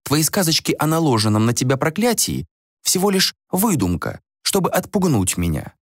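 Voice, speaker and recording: A shrill, spiteful woman in a storybook reading, pitched far above the reader's own voice and swinging wildly as she scolds, done by a man. The sound is close and dry, with no room around it. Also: sing-song, moderate pace, dry recording. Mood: scornful. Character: quarrelsome scheming woman, loud and spiteful.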